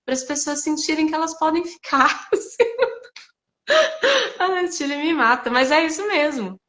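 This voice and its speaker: A woman's voice: high voice, unhurried, fairly bright tone. A woman from Belo Horizonte with a Mineiro Brazilian Portuguese accent, chatting casually and animatedly as host of a live stream, laughing often.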